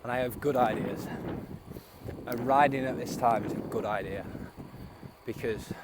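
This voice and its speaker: A man with a mid-range voice chats casually at a moderate pace while vlogging a night bike ride outdoors, rambling with plenty of fillers. He's a cycling vlogger narrating as he rides. The phone recording picks up a lot of wind noise.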